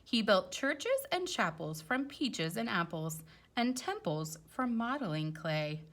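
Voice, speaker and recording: A woman's voice: medium pitch, sing-song, takes it slowly, fairly bright tone. A woman teacher reading a children's storybook aloud expressively, with chatty explanatory asides for young listeners.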